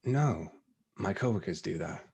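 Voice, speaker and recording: Low husky-voiced man, relaxed. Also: unhurried. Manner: relaxed, thoughtful, laughs easily. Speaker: voice actor guest. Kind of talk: casual interview chat.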